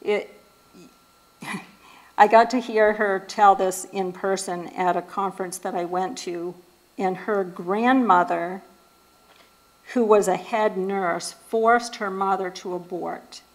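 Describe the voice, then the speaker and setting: A woman talks at an ordinary middle pitch to a church group. Her delivery is casual and conversational, with frequent fillers and restarts. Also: steady tone, slow pace, poor audio. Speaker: speaker at a church event.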